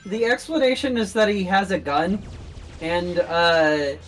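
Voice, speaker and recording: A person chatting on a gaming stream, cracking wry, deadpan jokes. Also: medium pitch, a little slow, soft background music, poor audio. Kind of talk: casual chat while gaming.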